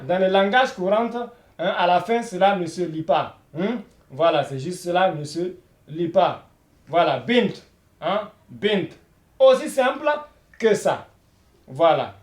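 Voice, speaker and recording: A man leads a beginner language lesson in a fairly high voice. He speaks slowly, drilling each word over and over and checking in after almost every phrase. The room gives his voice a noticeable echo. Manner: repetitive, drills each word with frequent "voilà" and "hein?". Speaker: Arabic teacher. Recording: echoey room.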